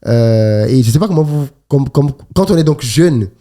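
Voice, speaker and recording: Host: middle-aged man from Cameroon, warm dark tone, chatty and laughing, casual panel talk. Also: mid-range voice, expressive, normal speed. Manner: chatty, laughs while telling stories.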